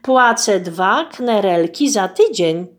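A woman voicing a polite male guesthouse owner in a children's story, calm and persuasive. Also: medium pitch, slow.

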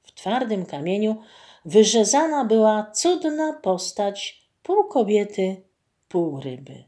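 Slow, expressive woman reading a legend. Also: medium pitch. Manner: slow, expressive storybook narration. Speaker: storyteller for children.

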